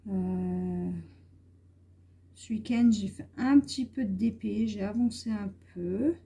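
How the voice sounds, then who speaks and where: A woman's voice: medium pitch, takes it slowly, creaky, dark tone, slightly rough. A woman vlogger chatting casually and hesitantly while she colors, with many fillers. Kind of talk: casual coloring vlog chat.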